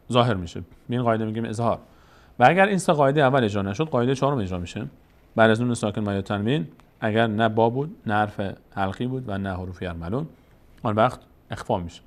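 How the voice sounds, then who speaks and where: A man teaching Quran recitation rules step by step, explaining each rule and then slowly chanting the verses to show it. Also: fairly low pitch. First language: Tajik.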